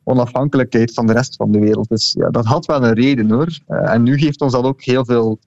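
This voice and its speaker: A man's voice: medium pitch, steady tone, brisk, a little mellow. A man explaining a subject informally as an interviewed expert, heard over a slightly dull remote line.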